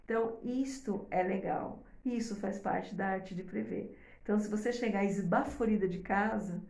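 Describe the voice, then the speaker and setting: A woman's voice: mid-range voice, normal speed, creaky, a little mellow. A woman talking casually to mothers, explaining step by step and checking in often with her listeners. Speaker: host giving advice to mothers. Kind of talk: casual advice talk to viewers. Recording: echoey room.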